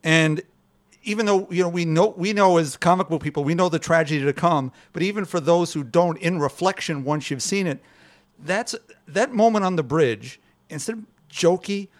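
A man with a voice a little on the high side delivers a prepared film critique on a podcast. He sounds articulate and measured, as if reading from notes. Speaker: podcast guest. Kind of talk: casual chat.

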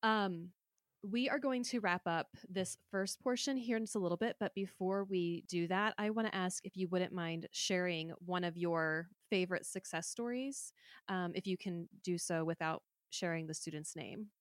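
A woman's voice: on the low side, normal speed, no room sound, studio quality. A woman hosting a podcast, interviewing a guest in a conversational style. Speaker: podcast host.

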